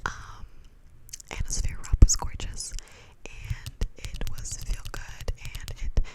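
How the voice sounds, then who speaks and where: A young adult woman in a breathy, clicky, fast ASMR whisper close to the microphone, rambling casually and repeating words and phrases. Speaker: ASMR video host.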